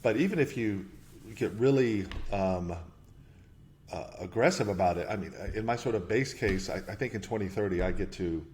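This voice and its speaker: A man's voice: on the low side, normal speed, a little mellow. A man being interviewed about investing, who talks in bursts with many restarts and thinks aloud. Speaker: investment manager guest. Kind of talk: podcast interview.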